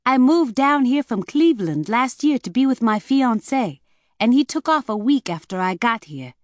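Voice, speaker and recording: A woman's voice: a little high, very animated, normal speed, dry recording, clean studio sound, pitched above the performer's own voice. A woman narrator voicing a chatty young woman receptionist with a slight Chinese accent and a hint of southern drawl.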